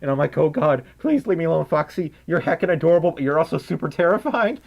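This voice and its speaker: A young streamer with a scratchy, creaky voice on the high side chats quickly and animatedly while reading livestream donations. He giggles and hums playfully as the messages come in.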